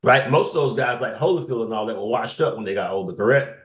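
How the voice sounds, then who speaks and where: A man in casual sports chat who thinks out loud and keeps turning points into questions. His pitch is ordinary. The sound is roomy with clear echo. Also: expressive, fast. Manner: questioning, musing, eats while talking. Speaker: co-host.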